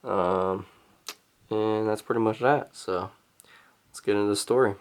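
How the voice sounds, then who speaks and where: A hunting vlogger with a lowish, steady voice tells a story at a measured pace in a casual vlog. He rambles, dropping in many "um"s and "pretty much"es.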